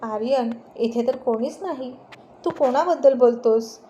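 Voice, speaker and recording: A woman voicing a gentle affectionate mother. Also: sits high, measured pace, a little hiss or hum. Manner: gentle, coaxing.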